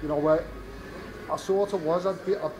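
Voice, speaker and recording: After a bout, a UK fighter in his twenties talks candidly to the press in the venue's media area, rambling with plenty of fillers and restarts. His voice is a little high and steady at a normal speed, with crowd noise in the background.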